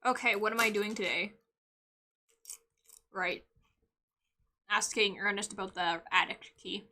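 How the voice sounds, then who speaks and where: Her medium-pitched voice moves a little slowly as she streams a game live. The young woman keeps up a playful chatter, punctuated by sudden loud outbursts and giggling.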